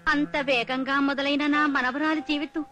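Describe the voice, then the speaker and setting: An older actress playing a caring mother-in-law and grandmother with a soft, pleading way of speaking, in a film. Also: high voice, flat delivery, moderate pace, soft background music. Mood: sorrowful. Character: worried, caring old grandmother. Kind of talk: film acting.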